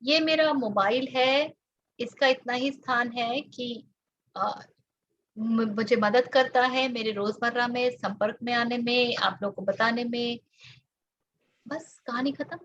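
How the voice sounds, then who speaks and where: A woman's voice: fairly high pitch, measured pace, a bit bright, a little hiss or hum. A woman with an Indian accent giving a reflective spiritual talk, mixing Hindi and English and drawing out her English phrases. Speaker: spiritual teacher. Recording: dull lo-fi audio.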